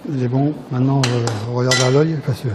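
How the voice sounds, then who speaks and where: A man's voice: medium pitch, steady tone, fast, heavy background noise. A native French man, a fountain engineer, talking casually at work. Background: loud background music.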